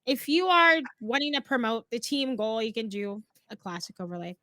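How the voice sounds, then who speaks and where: With a fairly high, sharp, sing-song voice at a moderate pace and no echo, this woman co-hosts a live stream tutorial as a platform guide. She stays upbeat and affirming as she guides viewers step by step, her voice a little worn because she's slightly losing it.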